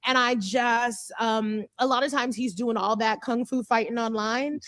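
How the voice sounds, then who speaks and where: Woman with a somewhat high voice, wry and relaxed. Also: a little slow. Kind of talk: casual chat.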